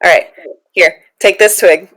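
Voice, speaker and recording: A woman's voice: on the low side, steady tone, a little slow, a bit bright. A woman speaking in character as a player in a tabletop game, dry and matter-of-fact.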